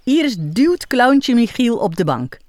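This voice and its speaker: Woman slowly reading a children's story. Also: a little high, dry recording, clean studio sound. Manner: slow, expressive reading. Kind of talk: children's story read aloud.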